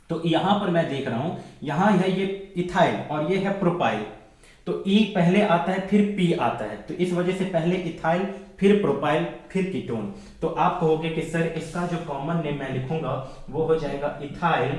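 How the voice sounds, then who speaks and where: A male teacher lectures on chemistry with a slightly raised pitch, walking through each step and repeating the key terms. His voice rings around a very echoey room. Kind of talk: classroom lecture.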